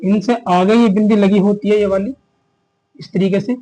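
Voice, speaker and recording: A male teacher giving an exam-prep grammar lesson, asking questions back to the students and slowing down to stress key terms. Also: high voice, fairly even intonation, dark tone, poor audio.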